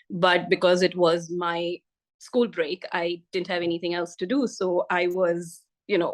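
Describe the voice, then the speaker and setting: A middle-aged woman from India with an Indian English accent, a physical therapist speaking as a podcast guest in a measured, steady way. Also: lowish voice. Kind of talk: podcast interview.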